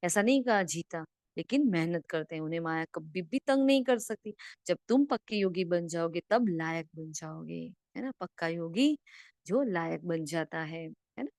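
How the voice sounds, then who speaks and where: A woman's voice: lowish voice, expressive, moderate pace, a little mellow, dry recording, clean studio sound. A woman leading a devotional scripture revision class, explaining step by step and often checking with listeners, "isn't it?". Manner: gives homework and direct instructions to listeners. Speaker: spiritual teacher.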